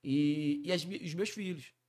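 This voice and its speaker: A man, a funk singer telling a story as a podcast guest, slangy and animated, acting out the voices of the people in it. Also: fairly high pitch, a little slow. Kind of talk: storytelling in a casual podcast chat.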